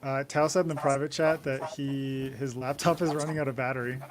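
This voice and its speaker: A man's voice: medium pitch, little pitch movement, fairly quick, crowd noise. A man chatting informally and emphatically on a livestream, with playful banter. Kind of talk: casual livestream chat.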